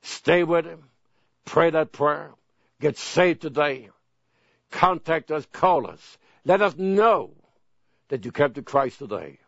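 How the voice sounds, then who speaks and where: Earnest older male preacher, fairly high voice. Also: expressive, creaky, dry recording. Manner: earnest, pleading, repeats phrases slowly. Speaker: pastor. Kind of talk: sermon. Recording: dull dry broadcast sound.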